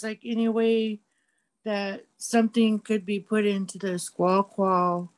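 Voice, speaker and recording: Woman with mid-pitched voice calling in casually. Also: low-quality recording. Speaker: community member calling in by video call. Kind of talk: casual spoken question. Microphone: online video call.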